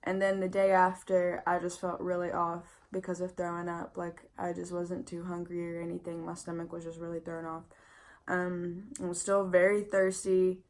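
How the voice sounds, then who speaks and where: Young woman vlogger, pregnant and worn out, casual and candid, level monotone delivery. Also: on the low side, moderate pace. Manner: chatty and candid, lots of "like" and "I mean" fillers. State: pregnant and tired, yawning. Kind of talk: casual pregnancy update vlog.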